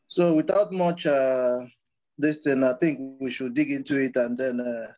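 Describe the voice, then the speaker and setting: A man's voice: mid-range voice, a little mellow. A man with a Nigerian accent gives an informal, hesitant, joking off-the-cuff speech over an online call. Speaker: class association president. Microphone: online video call. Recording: muffled online call audio.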